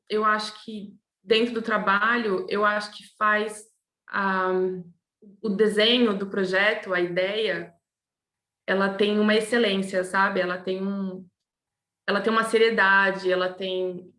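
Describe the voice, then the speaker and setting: Speaking to students in a room with noticeable echo, a woman from Brazil who works as an architect talks in a relaxed, reflective way, often restarting and using fillers. Her voice is mid-range with a fairly bright tone.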